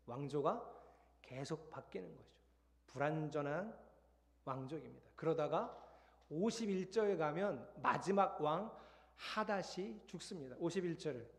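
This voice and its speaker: A man preaching a Sunday sermon as pastor in a conversational style that builds to emphatic points. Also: on the high side. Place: church sanctuary. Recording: long hall reverb.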